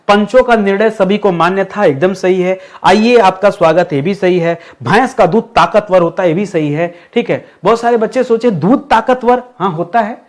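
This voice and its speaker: A young man teaching an online exam-prep Hindi lesson, chatty and lively, talking to students as friends. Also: high-pitched.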